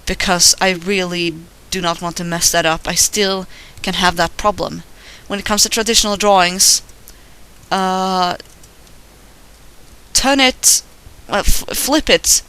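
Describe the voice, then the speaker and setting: Bright, squeaky thin-voiced drawing tutorial narrator. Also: fairly even intonation, takes it slowly, clear, resonant tone. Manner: informal, rambling, self-deprecating, mild swearing. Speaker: artist narrating drawing process. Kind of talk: casual drawing tutorial commentary.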